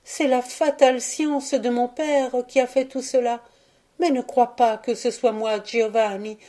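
A tender, pleading young girl, her grief held under a gentle voice, as a woman reading the story puts her on. The tone is raised and bright above the reader's own, yet stays mellow and soft. She sounds like a storybook heroine. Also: on the high side, steady tone, measured pace, pitched above the performer's own voice, natural voice.

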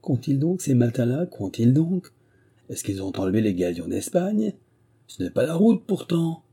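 A man's voice: mid-range voice, very animated, normal speed, warm tone, slightly rough, pitched above the performer's own voice. A man voicing a boisterous, swaggering male ex-convict in an audiobook reading, speaking in a raised, exclaiming voice.

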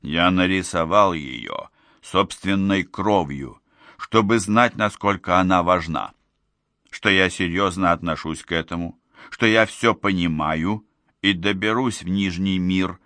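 A man's voice: sits low, a little slow, sharp tone, no echo, studio quality, exaggerated voice. A man reading the part of an earnest, insistent young man in an audiobook, pressing his case with urgent pleading.

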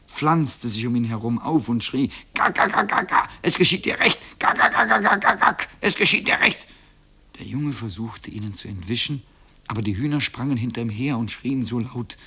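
Male narrator for a storybook reading: calm, measured, mid-pitched, husky. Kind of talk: reading a children's book aloud.

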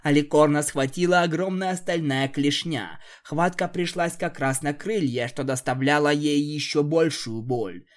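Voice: medium pitch, unhurried, few pauses. An audiobook reader narrating a first-person fan story in a plain storytelling way.

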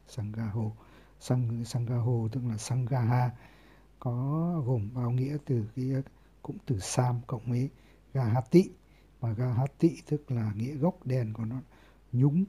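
A male monk teaching scripture in a very dark, mellow voice with a husky, breathy edge. He moves slowly through each term, pausing often on fillers and carefully sounding out the foreign words before explaining them. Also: mid-range voice. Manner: unhurried, many filler pauses, carefully sounds out foreign terms. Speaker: Buddhist monk teaching Pali. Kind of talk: word-by-word scripture lesson.

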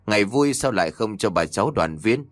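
A man voicing a calm, firm young nobleman in a spoken story. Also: lowish voice, no echo, natural voice. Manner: measured, firm.

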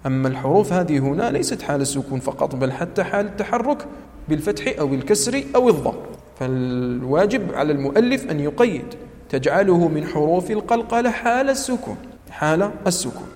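High-voiced tajweed teacher in echoey classroom. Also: male voice, expressive, darkish tone. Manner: repeats key terms and quizzes students; recites Quranic words slowly as examples. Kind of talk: classroom lecture. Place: classroom with students.

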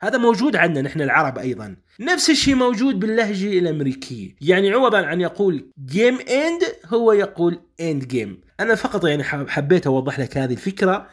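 A man with a Syrian Arabic accent gives an explanatory talk with a slightly high voice. He goes over each point more than once and turns often to the listener to keep their attention. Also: sing-song. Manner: explains slowly, repeats points, addresses the listener directly. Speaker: founder of a publishing house, presenter.

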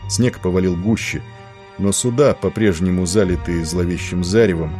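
Male audiobook narrator, very low voice, steady and dramatic. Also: moderate pace, faint music behind.

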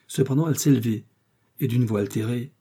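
A man voicing a loyal count who reports to his master in a confidential, brisk way. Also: medium pitch, warm tone, breathy edge.

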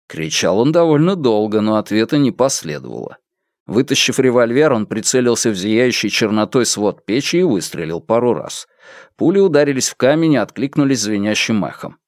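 A man reads a novel aloud as an audiobook narrator, with an expressive, dramatic delivery. His pitch rises and falls in lively swings. The recording is dry and close, with no room sound. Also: no room sound.

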